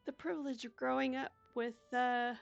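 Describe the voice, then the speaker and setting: An older woman narrates her gameplay in an unhurried, chatty way, softly talking herself through each move. Her voice sits a little high and has a gravelly edge, with faint game music playing behind her. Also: steady tone, highs cut off. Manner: chatty, soft-spoken, talks herself through each step. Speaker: gaming YouTuber. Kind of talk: casual gameplay commentary.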